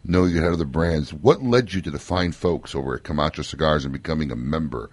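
A man's voice: a bass voice, fairly quick, no room sound. A man in his thirties from Chicago hosting a casual radio show, joking and interviewing with plenty of fillers.

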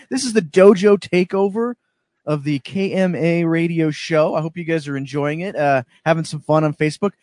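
A man hosting a casual radio talk show, relaxed and rambling, often restarting his sentences. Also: a little high, no echo. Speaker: show host.

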